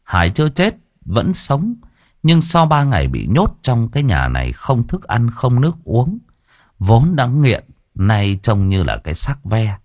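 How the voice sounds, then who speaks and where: A man narrating an audiobook in an earthy, colloquial and expressive storytelling style. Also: mid-range voice, measured pace, no room sound, studio quality.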